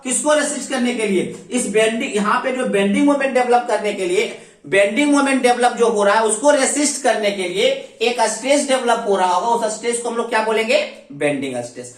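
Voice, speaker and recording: A woman's voice: on the high side, brisk, distant mic. A woman teacher giving a recorded class lecture, who keeps asking questions and answering them herself and calls her students dear children. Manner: mixes English technical terms into speech. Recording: echoey room, voice from off the mic.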